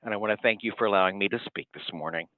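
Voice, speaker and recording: Low-voiced man heard over the phone. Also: no room sound. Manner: halting and polite, often trailing off. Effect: speaking over the phone. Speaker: resident giving public comment. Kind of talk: public comment at a county meeting. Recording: tinny dry phone line.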